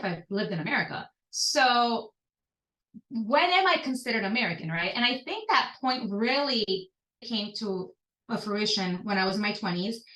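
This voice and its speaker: A woman's voice: medium pitch, sharp tone, reverberant, far from the mic, rough recording. A woman in her thirties from Venezuela with a Venezuelan Spanish accent, telling her personal story earnestly as a podcast guest. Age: 30s.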